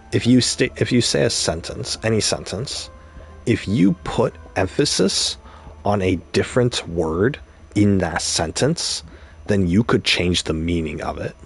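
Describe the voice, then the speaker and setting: A man's voice: on the low side, creaky, husky. A young man streaming a game, talking casually and rambling through an explanation with examples and restarts. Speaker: gaming streamer. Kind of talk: casual commentary while gaming.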